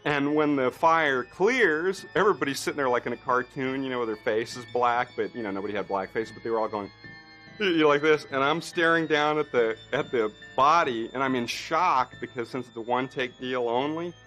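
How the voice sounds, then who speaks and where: A special effects artist telling a behind-the-scenes anecdote in a documentary interview, rambling with many fillers and restarts. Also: male voice, mid-range voice, brisk, pushed and bright, faint music behind.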